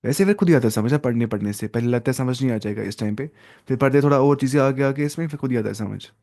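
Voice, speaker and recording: A man's voice: mid-range voice, fast talker, mellow. Young guy teaching arabic grammar, keeps quizzing the class, drops english words in. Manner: explains step by step and quizzes students with questions; mixes English terms into his explanations.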